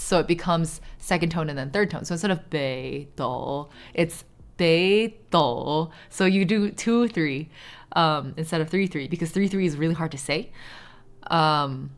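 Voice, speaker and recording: Her voice sits on the low side and is a bit bright. This Shanghainese-speaking woman crafts on stream while chatting casually, giving lengthy explanations full of "like" and some offhand swearing.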